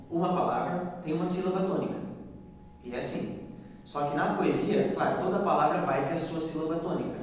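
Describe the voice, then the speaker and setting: In a bar or venue room, a man with a fairly high voice lectures a class on poetic meter. He is patient and checks often that students are following. The recording is echoey, picks him up from a distance, and carries a slight hiss or hum.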